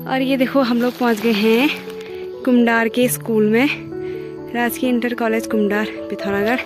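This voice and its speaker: A woman's voice: fairly high pitch, steady tone, moderate pace, over music. A woman from the Kumaon hills, chatting with viewers as she walks village paths. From Kumaon, Uttarakhand hills. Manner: chatty, addresses viewers as friends. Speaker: village vlogger. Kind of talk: casual walking vlog narration. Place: outdoors on hill paths and village roads.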